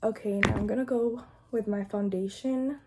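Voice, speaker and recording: A young woman chatting casually through a makeup tutorial at home, talking softly and sometimes in a whisper, with a groggy morning voice. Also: mid-range voice, steady tone, normal speed, noisy background. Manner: soft, hushed talk, sometimes slipping into a whisper. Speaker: beauty vlogger. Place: home, indoors. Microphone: phone front camera.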